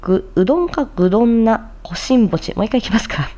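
This woman speaks fast with a fairly high, warm, animated voice. Hosting a tongue-twister challenge like a voice actor, she shifts between carefully enunciated theatrical recitation and polite, chatty asides to her viewers.

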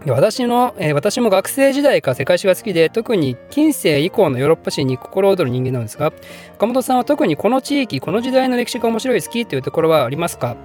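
Casting: quick-talking male host, high and very lively, voice edited a touch higher, rambling and self-deprecating, faint music behind. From Japan. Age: adult, working. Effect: voice pitched up slightly in editing. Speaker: history channel host answering viewer questions. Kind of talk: casual Q&A monologue.

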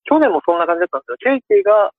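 A man's voice: high-pitched, lively intonation, rapid-fire, no room sound. A man who is a guest on a casual podcast, laughing often and tossing back short teasing questions. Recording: tinny phone-like line, dry.

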